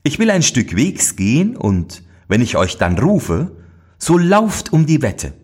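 A man's voice: medium pitch, wildly swooping pitch, slow, darkish tone, breathy edge, voice pushed up, exaggerated voice. A man voicing a bold young wanderer in a storybook fairy tale, earnest and eager. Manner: earnest, brave.

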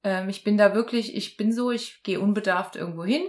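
Animated woman telling a personal story. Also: medium pitch, fairly quick. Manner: animated, acts out quoted dialogue. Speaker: interview guest.

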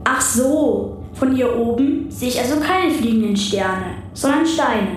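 Echoing, chatty planet Pluto. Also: female voice, fairly high pitch, animated, measured pace, a little hiss or hum. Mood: curious, chatty. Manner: playful, chatty, addresses listeners as earthlings. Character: talking dwarf planet Pluto, chatty, curious, childlike. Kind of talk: scripted children's radio play. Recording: echoing, distant, music bed.

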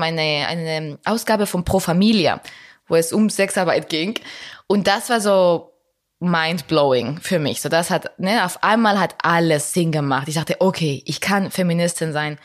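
A woman's voice: lowish voice, normal speed. Young woman, candid and reflective. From Spain. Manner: reflective, many fillers and restarts, laughs often. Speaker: guest. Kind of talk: candid personal interview.

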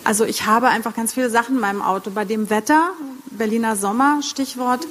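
A woman in the audience chats about her own habits, self-deprecating and full of fillers. Her voice sits fairly high. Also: fairly quick, a bit bright. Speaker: audience member. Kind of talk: audience question at a panel.

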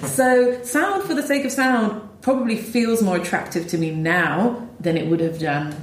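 A woman's voice: medium pitch, moderate pace. Reflective woman composer, roomy sound. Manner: thoughtful, with frequent ums and restarts. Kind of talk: reflective conversation. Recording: roomy echo.

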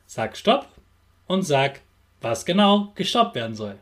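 A man who teaches and hosts a podcast for children, speaking straight to the young listener in a lively, encouraging way. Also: a little high, measured pace, a crowd in the background. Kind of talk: upbeat talk addressed to children.

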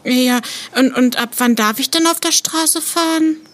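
A woman acts a young schoolgirl of seven in a children's audio story. The voice is fairly high, polite and full of curious questions. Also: a little slow, a bit bright. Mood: eager, asking. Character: curious, polite seven-year-old girl. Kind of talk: children's educational audio play.

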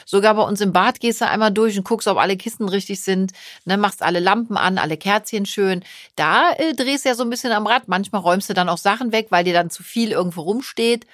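A woman's voice: medium pitch, fairly quick, fairly bright tone, dry recording, studio quality. A middle-aged woman, a mother, chatting casually with her daughter and teasing her with frequent laughs. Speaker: mother and podcast co-host. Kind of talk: casual family chat.

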